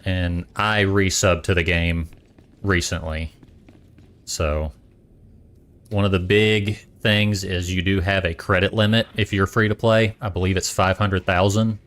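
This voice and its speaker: A man's voice: deep voice, fairly even intonation, unhurried, pauses often, a bit bright. A young adult man casually chatting while streaming a game, rambling and eating as he talks. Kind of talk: casual gaming stream chat.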